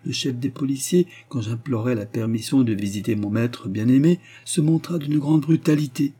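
A man's voice: mid-range voice, normal speed, mellow, husky, natural voice. A male narrator voicing a distraught, weeping old pastor who pleads in despair, in a storybook reading. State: crying. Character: tearful, devoted old pastor.

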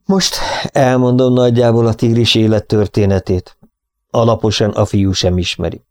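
A man voicing a stern, impatient prison governor in an audiobook, with a low, commanding voice. His delivery is brusque and the sound is close and dry. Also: fairly even intonation, a little mellow, no room sound, natural voice.

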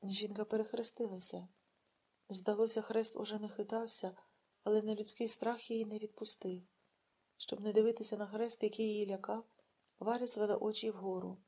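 A woman narrating a literary audiobook in a measured, dramatic storytelling manner. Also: medium pitch, flat delivery, dark tone, husky.

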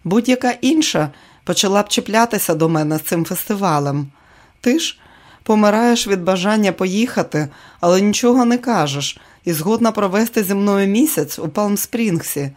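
Reading an audiobook, a man performs the part of a tired, famous aging comedian who speaks wryly and wearily to his wife as a joking husband. His high voice, natural yet pushed up, moves at a moderate pace.

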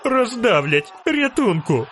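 Man putting on a squealing scared poet, way up high, panicky. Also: big pitch swings, slow, a bit bright, slight background noise, heavily acted. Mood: shrieking. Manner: shrill, screaming high. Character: panicked male poet, shrieking and cowardly.

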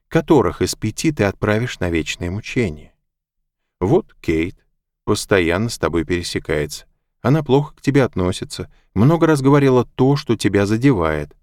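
A calm, gentle wise woman, soft-spoken and patiently insistent, as a deep-voiced man puts her on. The audiobook voice is low and steady, recorded close and dry. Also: no room sound. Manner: quiet, patient, softly insistent. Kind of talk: audiobook narration.

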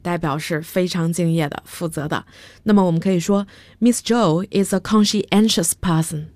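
A woman presenting a radio English vocabulary lesson in Chinese, explaining words and spelling them out slowly letter by letter. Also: lowish voice, steady tone, darkish tone, no echo. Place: radio studio. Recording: dry studio sound.

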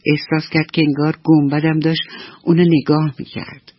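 A woman storyteller narrating a children's bedtime story on the radio in an expressive, storytelling manner. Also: deep voice, husky, dry recording. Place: radio studio. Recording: dull dry old radio recording.

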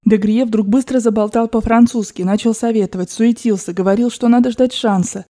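A woman narrating a classic novel as an audiobook in a steady, measured reading. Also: a little high.

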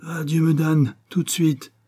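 A man voicing a proud, quick-tempered English lord in a storybook reading, stiff and blustering. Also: medium pitch, mellow, voice pushed up, close to an everyday voice. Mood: furious.

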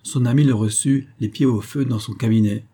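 A man reading a classic novel aloud in a steady, measured narration. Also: medium pitch, husky. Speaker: audiobook narrator.

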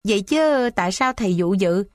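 A woman's voice: medium pitch, expressive, brisk, darkish tone, dry recording, clean studio sound, natural voice. A woman voicing a devoted young mother of noble birth in a read-aloud story, pleading and heartfelt. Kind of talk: audiobook character reading.

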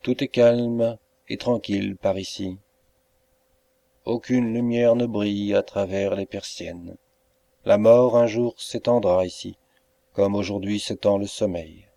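A man narrating a classic short story as an audiobook reader, in a measured, dramatic delivery. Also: lowish voice, steady tone, gravelly, dark tone, no echo.

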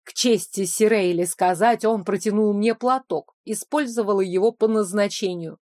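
An audiobook narrator, female, reads a first-person romance with steady storytelling. Her voice sits mid-range at a moderate pace, captured in a dry, studio-quality recording.

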